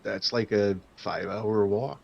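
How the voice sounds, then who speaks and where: Gravelly man on a muffled voice chat. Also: fairly low pitch, fairly even intonation, unhurried. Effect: online group voice chat. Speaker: player. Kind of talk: casual game talk.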